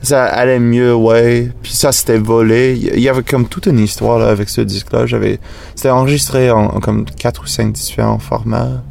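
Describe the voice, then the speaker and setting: A man, a native English speaker with a foreign accent in French, chatting in an interview and haltingly searching for words. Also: medium pitch, little pitch movement, vocal fry, darkish tone, slight background noise. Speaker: musician being interviewed. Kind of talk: casual interview chat.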